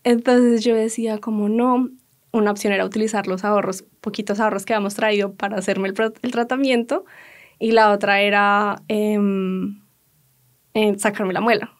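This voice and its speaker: Colombian woman, 30s, chatty interview guest, animated storyteller. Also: medium pitch, normal speed. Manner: lively, laughing, acts out quoted dialogue.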